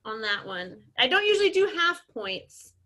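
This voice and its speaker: A woman judges with a bright, forceful voice that moves around a lot in pitch. She sits fairly high and talks casually, delivering verdicts in mock seriousness. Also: big pitch swings, moderate pace. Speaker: contest judge and host.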